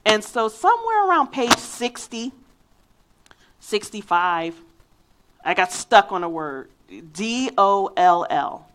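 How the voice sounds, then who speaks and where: This woman from Philadelphia, USA, speaks slowly with frequent pauses, and her fairly bright, mid-range voice swings widely in pitch. With a faint Philadelphia accent, she preaches an earnest, emphatic sermon that includes a story from her own life.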